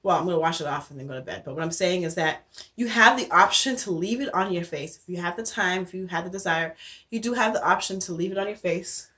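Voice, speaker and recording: A young adult woman with a lowish, bright, pushed voice talks fast through a casual skincare tutorial as a beauty vlogger. She sounds chatty and breathless, with many fillers and restarts.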